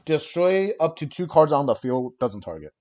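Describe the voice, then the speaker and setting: A man's voice: a little high, sing-song, moderate pace, mellow. A man on a livestream headset mic, casually calling out his card game moves with many fillers. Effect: livestream headset mic audio. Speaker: streamer and card game player. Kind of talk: casual play-by-play commentary of his own turn.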